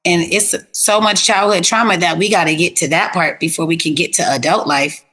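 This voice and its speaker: A woman therapist telling stories in a casual interview, animated and plain-spoken with easy slang. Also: lowish voice, fairly quick. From South Florida.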